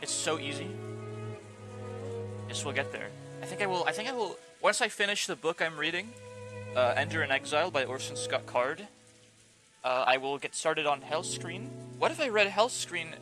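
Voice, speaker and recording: A male streamer with a higher-side voice, lively intonation and normal speed chats casually on a reading stream, rambling and restarting, his speech packed with "like". Music plays underneath and the recording is rough.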